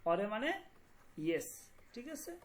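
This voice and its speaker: A woman teaching a language class online, explaining words slowly and often asking whether students follow. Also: mid-range voice, sing-song. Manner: repeats words and checks understanding often.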